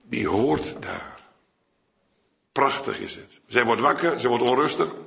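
Older Dutch-speaking preacher in a roomy hall. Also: male voice, animated, unhurried, vocal fry, sharp tone. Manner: conversational, digressive, with sudden high-pitched acted quotes. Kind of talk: Bible sermon.

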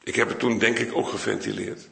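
An older man preaching a Bible sermon in Dutch, chatty and digressive, now and then jumping up high to act out quotes. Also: steady tone, brisk, vocal fry, pushed and bright, reverberant. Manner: conversational, digressive, with sudden high-pitched acted quotes.

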